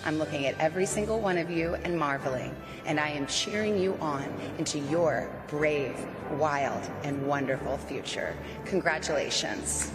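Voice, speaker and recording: Low-pitched and steady, a forties-aged commencement speaker from Arizona addresses graduates from a podium mic in a large outdoor tent, pausing only a little. Her oratory is warm, teasing, and rousing, with a big-room sound and music playing behind her.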